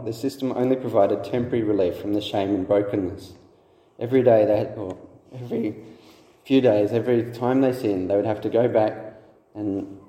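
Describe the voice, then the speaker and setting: Brief: male preacher, dark mellow low voice, echoey church hall with long reverb. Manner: measured, explanatory preaching with occasional restarts. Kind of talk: sermon.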